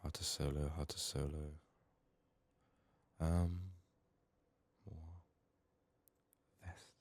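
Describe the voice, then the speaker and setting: With a very deep voice and flat delivery, this ASMR gaming video host murmurs hesitant commentary on a game, sometimes dropping into whispers. He sounds strained because he's sick.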